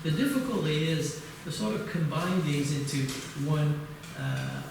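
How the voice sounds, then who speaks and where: Older english guy giving a keynote, lots of uhs, kinda high voice, far from the mic in a big echoey hall with background noise. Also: expressive, unhurried, creaky. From England. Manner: hesitant, many uhs and restarts. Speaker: keynote lecturer. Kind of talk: academic conference lecture. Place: conference hall.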